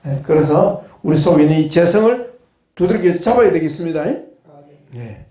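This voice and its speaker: Animated preaching man in a roomy room. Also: fairly high pitch, moderate pace. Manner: animated, asks the class rhetorical questions; humorous, acts out blunt reactions. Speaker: pastor teaching a class. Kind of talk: sermon-style Bible lecture. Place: classroom of a study institute.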